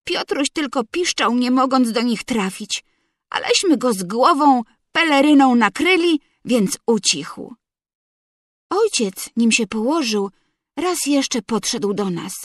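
Slow, measured woman storyteller. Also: fairly high pitch, expressive, no echo, studio quality. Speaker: audiobook reader. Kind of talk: literary narration.

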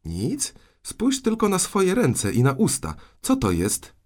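A man voicing a scolding but soft-hearted elderly aunt in an audiobook, exclaiming and fretting. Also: fairly low pitch, very animated, unhurried.

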